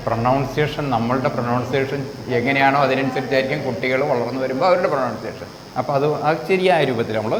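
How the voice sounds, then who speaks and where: A man with a Malayali accent teaches English vowel sounds, drawing out each example word and asking questions as he goes. His voice sits mid-range and carries a long echo from the room. A faint hiss hangs behind it. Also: medium pitch. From Kerala, India. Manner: repeats example words slowly, asks rhetorical questions. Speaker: phonetics teacher. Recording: echoey room with faint background noise.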